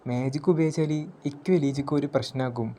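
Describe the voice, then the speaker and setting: A man voicing a calm young mage. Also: mid-range voice, fast, slight background noise, natural voice.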